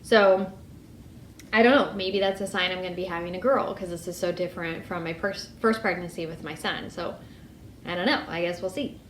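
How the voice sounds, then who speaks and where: A woman's voice: fairly low pitch, fairly quick, roomy sound, a little hiss or hum. A young woman giving a casual vlog update, chatty with lots of ums and likes. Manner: chatty, frequent ums and likes, light laughs. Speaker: vlogger.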